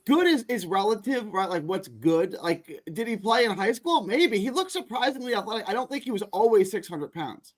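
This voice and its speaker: High-voiced halting man in his forties. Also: sing-song. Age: 40s. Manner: halting, repeats words. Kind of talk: casual sports chat.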